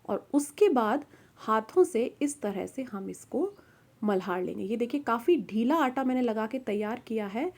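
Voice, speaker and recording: A woman's voice: fairly high pitch, expressive, moderate pace, darkish tone. A woman hosting a cooking channel, explaining a recipe step by step in a friendly, instructional voice-over. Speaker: cooking show host.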